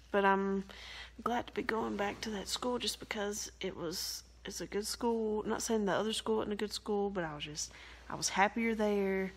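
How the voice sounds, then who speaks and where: A young woman vlogs from her home kitchen, chatting casually, rambling, laughing often, and teasing herself. Her mid-range voice is a bit bright, and the audio is poor.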